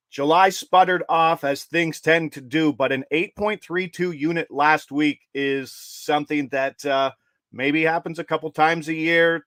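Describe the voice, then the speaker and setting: A man hosting a live sports betting show, reading picks in quick, energetic, upbeat patter. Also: a little high, no echo.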